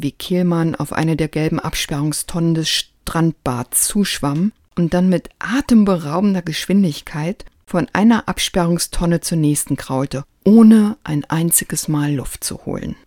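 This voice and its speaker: A woman presenting a scripted book review in a measured, articulate way. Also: low-pitched, darkish tone, no echo, clean studio sound.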